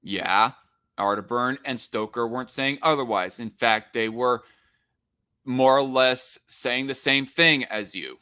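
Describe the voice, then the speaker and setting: Man with a bright voice, argumentative. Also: mid-range voice, unhurried, clean tone. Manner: argumentative, blunt. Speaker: commentator responding to a played discussion. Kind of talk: off-the-cuff reaction commentary.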